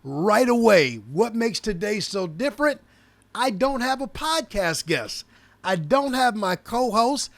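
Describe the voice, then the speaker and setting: An older man talks his way through a solo livestream monologue. His voice sits high for a man, and he hammers home his points by repeating them. The sound is close and dry, with no room around it. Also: big pitch swings, a little slow, creaky, dry recording. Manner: emphatic, repeats words for effect. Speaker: podcast host.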